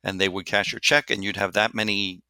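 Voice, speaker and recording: Middle-aged male guest, bright and forceful, animated storyteller, dry close-mic sound. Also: on the low side, brisk, creaky, dry recording. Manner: lively, animated storyteller with vivid analogies. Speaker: podcast guest. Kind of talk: casual interview chat.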